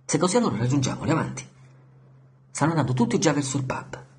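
A man voicing an eager, friendly young man, lively and coaxing. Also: a little high, fast talker.

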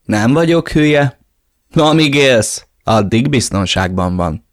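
A man voicing a brash male criminal, talking loud and cocky in an audiobook reading. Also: mid-range voice, expressive, dry recording, studio quality, pitched above the performer's own voice, lightly acted. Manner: cocky, brusque, raised voice. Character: brash male criminal, the hero's former enemy.

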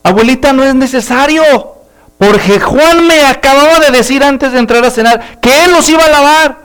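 A man's voice: extremely high pitch, moderate pace, fairly bright tone, pitched above the performer's own voice. A man putting on a sly, bossy little sister. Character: sly scheming young girl, bossy sister.

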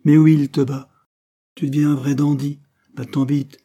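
Doting middle-aged mother, affectionate and teasing, read by a man with a mellow, husky voice. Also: fairly high pitch, little pitch movement, normal speed, voice pushed up, natural voice. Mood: fond.

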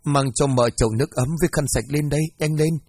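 A man doing a calm firm young wife. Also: fairly high pitch, fast talker, slight background noise, close to an everyday voice.

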